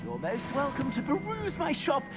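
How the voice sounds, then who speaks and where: An actor playing a pompous, courtly middle-aged wizard clothier in a video game, speaking in a formal, flowery way. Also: male voice, very high-pitched, huge pitch swings, moderate pace, loud music behind the voice, exaggerated voice. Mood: gracious.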